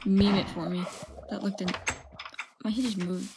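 A woman giving casual, excitable commentary while she plays a game, reacting with yelps and gasps. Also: medium pitch, normal speed. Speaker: gaming channel host. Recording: noisy home recording with mouse clicks.

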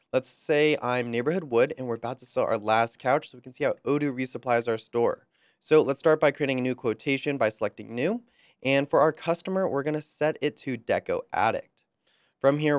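A young man talks through a software tutorial in a smooth, clean voice, recorded close and dry. His delivery is friendly and upbeat, with a light joke now and then. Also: mid-range voice, no room sound. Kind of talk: screen-recorded software walkthrough.

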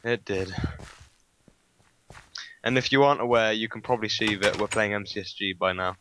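A man's voice: lowish voice, normal speed, slight background noise. A man in casual gaming chat, laughing and calling out his moves. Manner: laughs a lot, excited play-by-play. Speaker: gamer.

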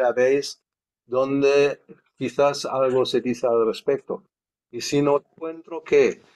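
A man's voice: mid-range voice, a little mellow. A man teaching a study class in a conversational way, thinking aloud and questioning as he goes.

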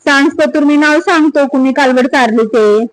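A woman's voice: sits high, moderate pace, voice pushed up, natural voice, low-quality recording. A woman voicing a shrewd middle-aged village watchman who explains things in rustic speech. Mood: explaining.

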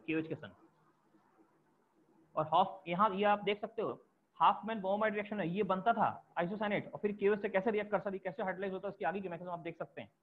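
A man with a high voice teaches a chemistry class, laying out explanations step by step and repeating key vocabulary for note-taking. The tinny, phone-like lo-fi audio carries a little hiss or hum.

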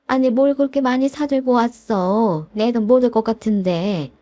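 A woman's voice: a little high, moderate pace, warm tone, no echo, natural voice. A woman voicing a pushy, self-pitying older mother-in-law in a storybook drama, wheedling and guilt-tripping. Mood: pleading, pushy.

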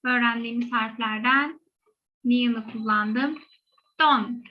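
A Korean-accented woman with a fairly high voice teaches a language lesson slowly and patiently, saying each example word two or three times. She speaks at a measured pace, and the recording's highs are cut off.

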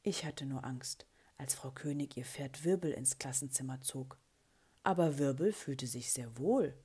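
A woman reading a children's story aloud, with a breathy voice and an expressive way of giving the characters their lines. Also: rumbling low, a little slow. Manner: expressive, lively character voicing in quotes. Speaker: children's book reader.

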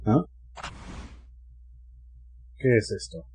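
A man streaming his live reaction, exclaiming and shouting in short bursts, out of breath. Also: medium pitch, drawn-out words, soft background music. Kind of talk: excited live reaction commentary.

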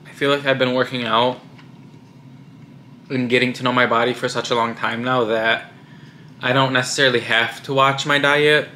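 A man's voice: medium pitch, steady tone, normal speed, long pauses, sharp tone, a little hiss or hum. A young man, chatting casually to the camera in a home vlog and rambling with lots of "like". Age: young adult. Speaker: vlogger. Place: home bathroom and bedroom, also car.

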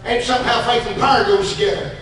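High-voiced Southern preacher shouting in a big echoey church. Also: male voice, fairly even intonation, fast talker, recorded from a distance. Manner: preaching in bursts that swing from shouts to hushed asides. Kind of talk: sermon. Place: church sanctuary.

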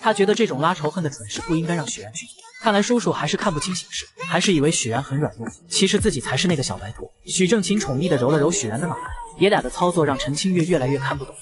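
A man narrating a comic recap in a scripted, rapid, even storytelling delivery. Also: a little high.

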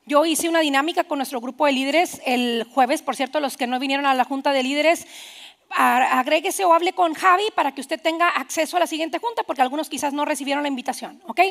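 Woman pastor in her thirties, a high, gravelly voice, animated preaching with soft whispered asides. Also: fast. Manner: animated, quoting others in asides. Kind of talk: sermon.

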